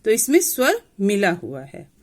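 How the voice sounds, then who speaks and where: A woman's voice: medium pitch, wildly swooping pitch, measured pace. A woman teacher explaining a grade-school grammar lesson patiently, repeating points and asking the class questions.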